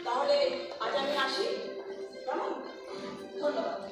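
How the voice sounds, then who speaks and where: A woman's voice: high-pitched, animated, slow pace. A woman playing a stern police officer in an echoey hall. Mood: lecturing. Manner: firm, admonishing, mixing in English phrases. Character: stern female police officer, lecturing calmly. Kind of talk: stage play acting. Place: large hall stage. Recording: echoey hall, distant mic, music behind.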